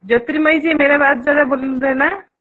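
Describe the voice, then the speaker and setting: A woman's voice: high voice, steady tone. A woman asking a hesitant question over a crackly call line that keeps cutting out. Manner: hesitant, halting, hard to make out. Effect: crackly, cutting-out phone call line. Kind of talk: online class question. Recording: tinny, breaking-up call audio.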